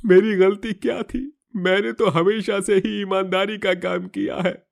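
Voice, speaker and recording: A man's voice: high-pitched, level tone, measured pace, vocal fry. A man playing an honest, humble servant and husband who pleads his innocence in a moral story, with a deferential manner. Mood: tearful despair. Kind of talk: acted Hindi moral story.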